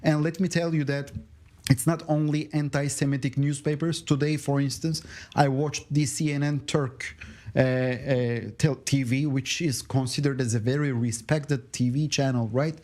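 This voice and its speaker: Guy on a news panel, dark mellow voice, lots of uhs, emphatic points. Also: medium pitch, steady tone, normal speed. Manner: hesitant, many fillers, emphatic. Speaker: guest analyst.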